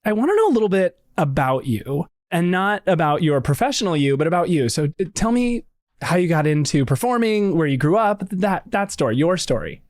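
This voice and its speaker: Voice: mid-range voice, sing-song, a little fast, a little mellow, dry recording, studio quality. A host reading a scripted introduction and asking a guest about their life in easy conversation. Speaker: podcast host. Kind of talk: scripted intro and interview questions.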